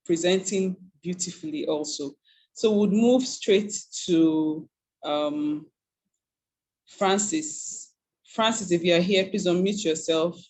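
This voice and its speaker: A woman's voice: fairly low pitch, a little mellow, rough recording. A woman, courteously moderating an online meeting and calling on presenters. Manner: courteous, directive. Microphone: video call.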